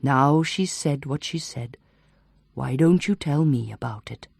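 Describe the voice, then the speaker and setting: A woman voicing a steady man who talks softly and slowly, coaxing, in an audiobook. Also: rumbling low, gravelly, husky, no echo, clean studio sound, full character voice. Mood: gentle. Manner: soft, slow, coaxing. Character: calm steady man guiding a hypnotized patient.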